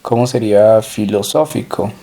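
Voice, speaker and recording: A man teaching French in a recorded lesson, slowly drilling and repeating each phrase. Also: lowish voice, warm tone. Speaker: language teacher.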